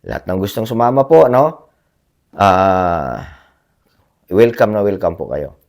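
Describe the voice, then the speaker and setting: A man vlogging in a casual, rambling chat to his viewers, hoarse from a cough, politely tagging his sentences with little questions. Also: low voice, animated, measured pace, darkish tone. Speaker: blogger reading viewer comments. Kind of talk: casual livestream-style chat.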